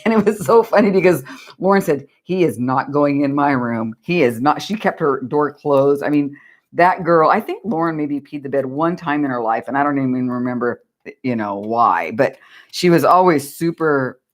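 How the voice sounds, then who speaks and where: Chatty low-voiced woman. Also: lively intonation, normal speed. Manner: rambling, chatty, laughs at her own stories. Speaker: craft vlogger. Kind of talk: casual storytelling while crafting.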